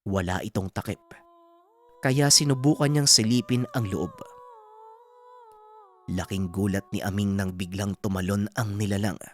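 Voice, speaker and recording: A woman narrating a folk horror story in a steady, plain storytelling manner. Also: a bass voice, a little slow, long pauses.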